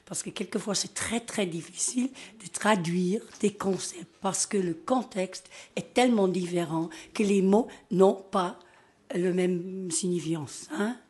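The speaker is an invited guest, a woman from Scotland with a mellow voice of medium pitch. She gives an informal talk in French marked by her Scottish accent, and because English is her native language she speaks haltingly, often fishing for words.

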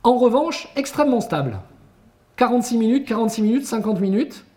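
A man with a very high voice gives a brisk conference talk to teachers about education research. He speaks emphatically and with energy, repeatedly asking the room rhetorical questions.

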